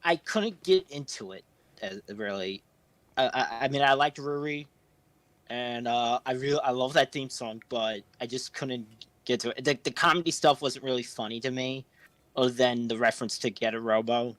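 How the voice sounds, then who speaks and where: A man co-hosting an anime podcast, making hesitant, low-key comments in casual chat. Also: normal speed, fairly bright tone, no echo. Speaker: podcast co-host.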